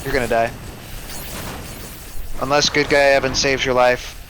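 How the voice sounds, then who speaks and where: A man's voice: medium pitch, level tone, normal speed, background noise. A man playing alongside a friend and commenting on the game in a teasing, sarcastic way. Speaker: co-player. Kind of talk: casual gameplay commentary. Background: game sounds.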